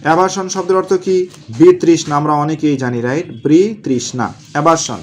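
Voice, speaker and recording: A man teaching exam vocabulary, asking questions and answering them himself, repeating key words slowly. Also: a little high, a little hiss or hum. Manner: asks and answers his own questions, drills words slowly. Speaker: exam prep tutor. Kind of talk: vocabulary lesson.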